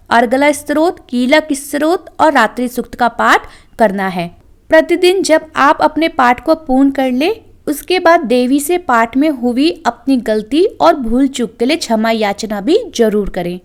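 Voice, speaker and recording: A woman presenting a devotional channel, calmly explaining a ritual step by step in scripted narration. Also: sits high.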